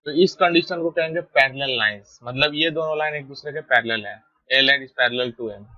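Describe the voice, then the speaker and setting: A man's voice: mid-range voice, no room sound, dull audio. A man teaching a math lesson while drawing, steadily explaining and often checking that students follow. He speaks, recorded with a close mic. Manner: steady, repeats "ठीक है" to check understanding.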